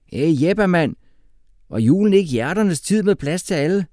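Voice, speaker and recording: A man doing an eager, excited schoolboy. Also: sits high, no echo, clean studio sound, pitched above the performer's own voice. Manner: excited, enthusiastic.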